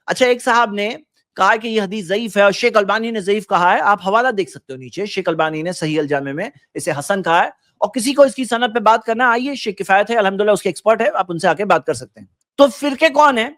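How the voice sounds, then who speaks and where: A man's voice: sits high, lively intonation, a bit bright, dry recording, studio quality. A man giving a religious talk, quoting Arabic and then translating it, and pressing his point with rhetorical questions. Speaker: Islamic preacher.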